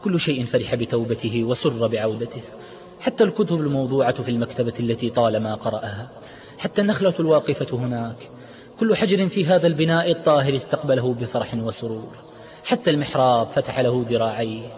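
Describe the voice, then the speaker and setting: A man's voice: medium pitch, fast, a little mellow, soft background music. Man narrating a story in a reverberant hall.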